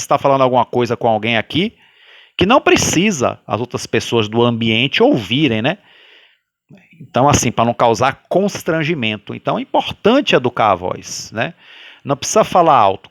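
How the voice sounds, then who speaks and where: A man with a Brazilian Portuguese accent leading a guided religious study, talking loudly by habit and often checking in with his listeners. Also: medium pitch, dry recording. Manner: animated, sways between loud and soft. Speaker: study group leader.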